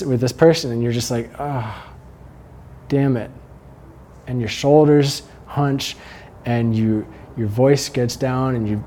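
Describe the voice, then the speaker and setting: A man giving a calm, earnest instructional talk, slowing down and dropping his voice to stress a point. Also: medium pitch, a little hiss or hum. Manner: calm, earnest, slows and softens for emphasis. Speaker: sex educator.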